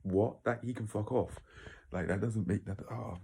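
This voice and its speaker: Male vlogger, very low and mellow, casual opinionated rambler who speaks bluntly. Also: steady tone, normal speed, vocal fry, slightly rough. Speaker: video creator. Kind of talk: casual opinionated monologue to viewers.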